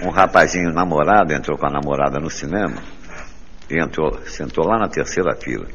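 A man telling bawdy jokes live on stage as a stand-up comedian, animated and quick to slip into character voices. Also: rumbling low, highs cut off, slight background noise. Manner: bawdy, animated storyteller who jumps between character voices. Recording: live stage recording in a reverberant hall with audience.

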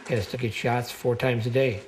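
A man speaking in a documentary interview, calm and measured. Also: medium pitch, a little hiss or hum, low-quality recording.

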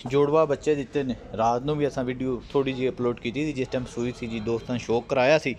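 A man with a mid-pitched voice talks casually into a phone camera out on an open farm field. His sales patter is friendly and repetitive, and he keeps turning to address his viewers as friends. Faint outdoor ambience sits behind him. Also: steady tone, fast talker, darkish tone, slight background noise. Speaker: livestock sales vlogger.

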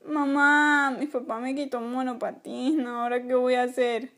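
A woman's voice: high voice, level tone, moderate pace, fairly bright tone. A woman voicing a cheeky young toy boy in a toy play video.

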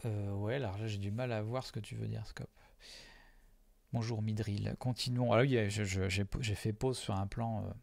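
Gravelly guy chatting on his stream, lots of uhs, jokes at his own expense, dry close mic. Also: lowish voice, steady tone, moderate pace, darkish tone, no echo. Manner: hesitant, many fillers, self-mocking jokes. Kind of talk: casual live commentary.

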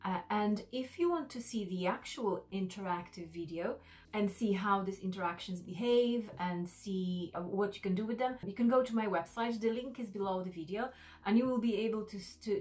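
An e-learning designer, a woman with a medium-pitched voice, explains a tool to camera in a careful, measured way, often saying "uh." She sits at a desk in a small, decorated indoor studio room, framed in a mid shot.

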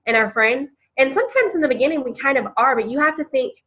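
A woman's voice: sits high, animated, quick pace. A woman leading a casual coaching presentation, chatty and encouraging, often calling her listeners "you guys.". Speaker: team coach leading a training call. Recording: lo-fi webinar audio.

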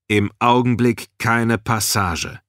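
A man's voice: medium pitch, steady tone, slow, a bit bright, dry recording, studio quality, pitched above the performer's own voice. A man voicing a hulking, grim guard who gives curt, growled orders.

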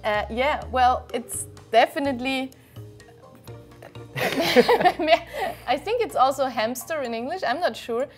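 Casting: young woman, fairly high voice, relaxed game chat, faint music underneath. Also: slow pace. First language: German. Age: young adult. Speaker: channel manager, game contestant. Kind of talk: casual chat. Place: small indoor studio set.

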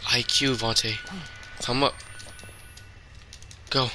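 A man's voice: mid-range voice, steady tone, takes it slowly, pushed and bright, soft background music. A man giving casual, slangy commentary on a horror game, talking informally to the game and viewers.

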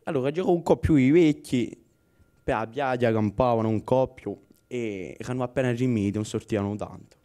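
A man's voice: mid-range voice, normal speed. A young man with a Corsican accent telling village stories and voicing the people in them. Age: young adult. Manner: animated, voices the characters in dialogue. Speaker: student storyteller.

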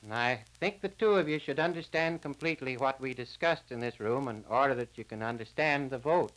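On a crackly 1940s radio drama disc, an actor plays an earnest small-town man delivering a verdict in a measured, plain-spoken, stern way. His natural voice is mid-range with a fairly bright tone.

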